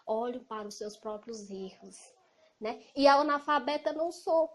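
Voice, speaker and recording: Loud Cearense Brazilian woman, fairly high voice. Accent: Cearense Brazilian Portuguese. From Ceará, Brazil. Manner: speaks loudly, indignant and emphatic. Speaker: evangelical vlogger. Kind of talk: casual monologue to camera. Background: noisy children.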